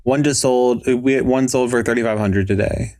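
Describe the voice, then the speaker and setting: Male co-host, mid pitch, easygoing and halting, dry close sound. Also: steady tone, darkish tone, no room sound. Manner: laid-back, halting, repeats words. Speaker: podcast co-host. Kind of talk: casual podcast chat.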